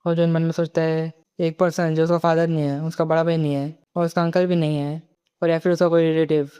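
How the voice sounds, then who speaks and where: A man narrates a comic recap in a rapid, clear, smooth voice. His pitch sits a little high and hardly moves, and a long reverb trails each line. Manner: rapid, even delivery, voicing every character in his own voice. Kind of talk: fast story recap narration.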